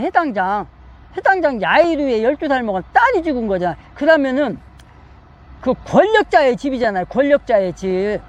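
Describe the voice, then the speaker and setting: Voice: sits high, lo-fi sound. A Korean Bible study teacher lecturing emphatically, repeating phrases and asking the listeners many rhetorical questions.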